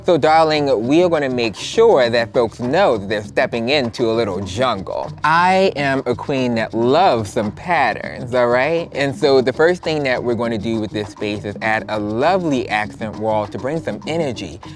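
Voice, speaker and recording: A man's voice: mid-range voice, expressive, normal speed, hardly any pauses. A man hosts a home plant makeover in a campy, upbeat style. He leans theatrically on his words and talks playfully, as if to a darling. Music plays behind him. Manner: campy, playful, addresses people as darling and honey. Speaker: houseplant expert and makeover host. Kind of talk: upbeat makeover show presenting.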